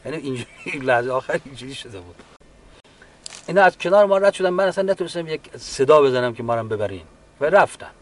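A man, a wounded war veteran, giving a halting, unhurried personal account with frequent restarts. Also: a little high, lively intonation. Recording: distant mic with faint background ambience.

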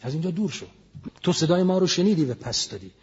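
Male preacher, raised husky voice, sermon with slowly intoned prayer lines, muffled lo-fi sound. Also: on the high side, animated, darkish tone. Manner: slowly intones Arabic prayer lines, then explains them. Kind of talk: religious sermon.

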